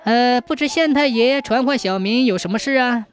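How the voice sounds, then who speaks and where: A woman voicing a bold, quick-witted young male scholar who talks back with self-assured, sharp-tongued confidence. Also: on the high side, close to an everyday voice. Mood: mock-polite.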